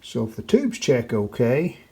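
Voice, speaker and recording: This man's medium-pitched voice is mellow and very animated, yet unhurried. As a hobbyist radio restorer presenting a repair video, he comments casually and without a script on his hands-on work, thinking aloud in short phrases. The home-video audio is clearly noisy.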